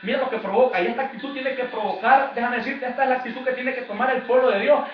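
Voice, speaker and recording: A man's voice: very high voice, fast, slight background noise. A man preaching a sermon as an evangelist, in a fervent, repetitive preaching cadence. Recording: echoey, distant, dull lo-fi church recording.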